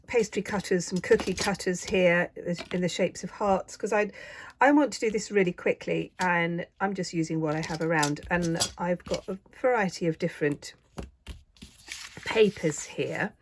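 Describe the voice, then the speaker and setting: A woman in her fifties with a croaky voice, tired and under the weather, giving a casual doodle tutorial in a gentle, rambling, hesitant manner. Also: fairly low pitch, moderate pace, slight background noise. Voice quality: croaky, husky voice. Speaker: artist and art teacher giving a tutorial.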